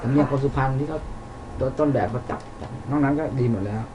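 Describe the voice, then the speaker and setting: Male vocal coach in a studio, mid-pitched and easygoing, with clear noise in the background. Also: highs cut off. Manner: relaxed and halting, with repeated words. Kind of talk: feedback on a recording session.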